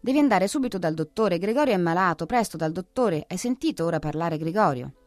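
A woman's voice: lowish voice, animated, fast, no room sound, soft background music, lightly acted. A woman reading an audiobook, voicing a tearful middle-aged mother who cries out in distress. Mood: tearful alarm.

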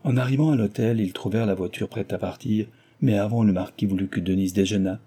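A man narrates a classic novel for an audiobook, measured and expressive, keeping an even storytelling pace. His voice is low and very dark, with a husky, slightly breathy texture.

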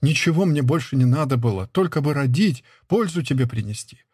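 A man's voice: medium pitch, expressive, a little fast, darkish tone, breathy edge, no room sound, clean studio sound. A man reading a young village wife who pleads and frets in a raised, plaintive voice. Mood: pleading. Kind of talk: audiobook character reading.

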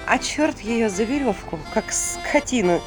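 A woman narrating a dark folk tale in an expressive storytelling voice. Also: fairly high pitch, unhurried, over music. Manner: expressive, hushed then rising.

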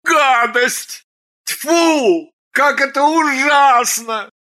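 A woman reading the part of a gloomy ascetic man dragged into sin, grumbling his thoughts aloud slowly and brightly. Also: on the low side. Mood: disgusted. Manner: grumbling inner monologue. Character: ascetic young man turned reluctant sinner, glum.

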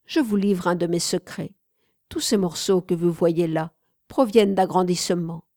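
A woman's voice: on the low side, normal speed, warm tone, no room sound, studio quality, lightly acted. A woman voicing an aging, celebrated male sculptor who muses aloud with rhetorical questions, in an audiobook reading. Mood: expansive.

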